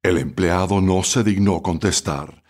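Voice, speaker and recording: Measured male radio storyteller. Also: low voice, darkish tone. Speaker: radio program host and narrator. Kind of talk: narrated story and spiritual reflection.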